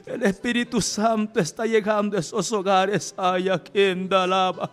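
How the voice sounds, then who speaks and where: This is a male preacher's impassioned Pentecostal healing prayer, full of pleading, exclamations and repeated praise. He speaks in a high voice with a level tone at normal speed while music plays underneath.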